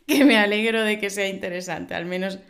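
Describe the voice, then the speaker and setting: A woman hosts a podcast lesson, reading out wordplay jokes and then explaining them. She giggles at her own jokes and jumps her pitch up to act out the characters in each joke. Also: fairly even intonation, brisk, vocal fry, fairly bright tone. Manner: acts out joke voices with big pitch jumps. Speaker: Spanish teacher and podcast host.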